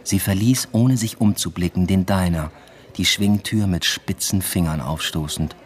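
In a literary radio drama, an actor plays an introspective young doctoral student who narrates his own story with restraint and a reflective mood. His voice is low-pitched, his pace moderate, and the acting light.

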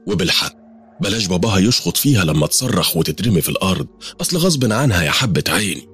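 A man's voice: low-pitched, very animated, racing, fairly bright tone, husky, faint music behind, heavily acted. A man with an Egyptian accent voicing a strange veiled woman who insists she sees spirits around people, speaking in an ominous, matter-of-fact way. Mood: ominous insistent.

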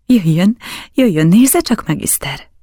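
A man's voice: mid-range voice, gravelly, darkish tone, breathy edge, no room sound, clean studio sound. A man voicing a powerful margrave who is terrified and desperate, swinging from eager to frantic to whispered pleading in an audiobook. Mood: delighted. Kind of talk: audiobook character voice.

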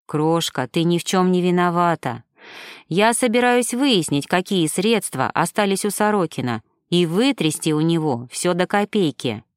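A woman reading an audiobook, voicing a tender, devoted young man in a lowered, doting voice. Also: clear, resonant tone, no echo, studio quality, lightly acted.

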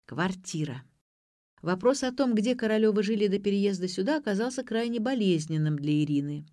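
A woman narrates an audiobook from a script in an even, measured storytelling style. Her voice is medium-pitched, and the studio-quality recording has no room sound.

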